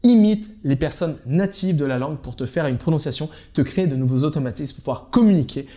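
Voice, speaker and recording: A man's voice: fairly high pitch, expressive, fast talker, warm tone. A man giving an informal language-learning lesson, speaking straight to the viewer and repeating his key points. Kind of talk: informal teaching monologue to camera.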